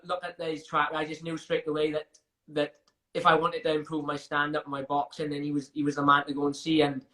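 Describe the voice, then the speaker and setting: Bright-voiced young Welsh man. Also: on the high side. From Wales. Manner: chatty, frequent restarts and fillers, laughs while telling stories. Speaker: MMA fighter guest. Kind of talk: casual interview chat.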